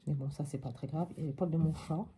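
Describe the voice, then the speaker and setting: A woman's voice: deep voice, steady tone, quick pace, dark tone, slight background noise. A woman hosting a casual step-by-step crafting tutorial at her craft table at home, chatting and thinking aloud with many little hops and voilàs.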